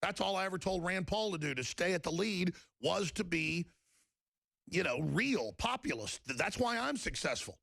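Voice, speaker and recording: A man hosting a talk radio show, delivering a fiery monologue in an emphatic, rapid style that rises toward near-shouts. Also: high-pitched, lively intonation, gravelly, no room sound.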